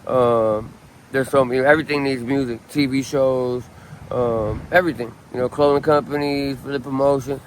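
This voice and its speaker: In a rough recording from a city street, a man in his late thirties from Southern California recounts his story for a casual street interview. He speaks at a moderate pace in a medium pitch, relaxed and rambling with frequent ums and restarts, with faint street noise outdoors.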